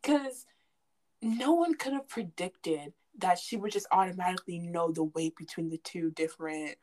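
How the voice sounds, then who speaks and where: A young adult woman in a casual chat about a movie. She is animated and stumbles over her words when excited. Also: fairly low pitch, normal speed.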